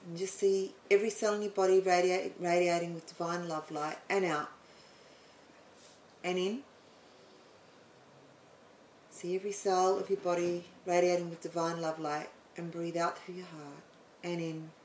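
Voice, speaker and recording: A woman explaining the planets in a chatty way, then leading a guided meditation with slow, soothing instructions and some stumbles. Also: lowish voice, flat delivery, a little mellow, roomy sound, a little hiss or hum, low-quality recording. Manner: chatty, apologetic, stumbles over words.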